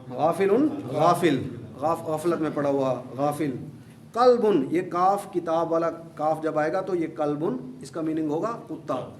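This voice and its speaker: Guy teaching a class, a bit higher voice, keeps repeating stuff so it sticks, echoey room w/ faint hum. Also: darkish tone. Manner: repeats key points patiently, encouraging. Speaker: Arabic grammar teacher. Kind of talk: classroom lecture. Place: classroom with students.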